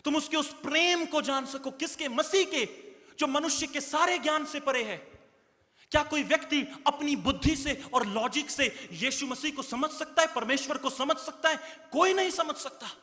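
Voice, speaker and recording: A man's voice: extremely high pitch, normal speed, bright, forceful tone. A man preaching a sermon, drawing the congregation into call and response. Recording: long reverb of a large hall.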